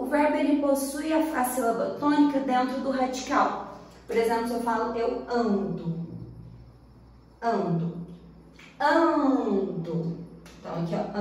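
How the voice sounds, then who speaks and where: A woman's voice: on the high side, a little hiss or hum. A woman with a Brazilian Portuguese accent teaching a grammar lesson, who keeps checking in with the class as she explains. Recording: very echoey room, far from the mic.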